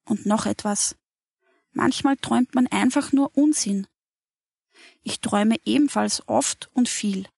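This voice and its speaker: A woman voicing a kind mother who comforts a child in a calm, gentle, reassuring way. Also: on the high side, vocal fry, breathy edge, dry recording, studio quality, full character voice.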